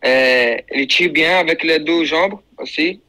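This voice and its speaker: A man's voice: a little high, unhurried, sharp tone, low-quality recording. A man who is a guest player on a sports show, answering in short, simple sentences with non-native phrasing. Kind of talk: casual interview answers.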